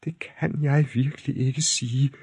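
A man voicing a prim lady-in-waiting in a storybook reading, high and prissy. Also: steady tone, a little mellow, husky, dry recording. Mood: shocked.

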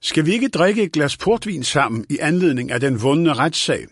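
Guy doing a cranky forgetful old lawyer, high fussy voice, dry close sound. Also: sing-song, slightly rough, dry recording, full character voice. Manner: querulous, scolding, raised voice. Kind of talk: audiobook character voice.

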